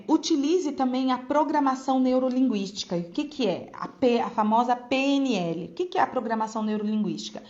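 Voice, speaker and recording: Lively higher-voiced Brazilian woman teaching. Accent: Brazilian Portuguese. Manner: energetic, emphatic, repeats key points, checks in with listeners. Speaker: teacher coaching other teachers. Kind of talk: informal online lesson. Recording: dull lo-fi sound.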